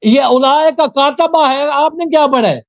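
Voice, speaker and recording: A man's voice: extremely high pitch, dry recording, muffled recording. A Sunni cleric in a live religious debate, lecturing and correcting his opponent.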